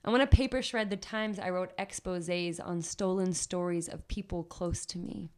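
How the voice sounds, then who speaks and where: Woman, spoken word poet, podcast guest, slightly low voice, expressive, rhythmic delivery. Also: normal speed. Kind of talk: interview and spoken word poetry.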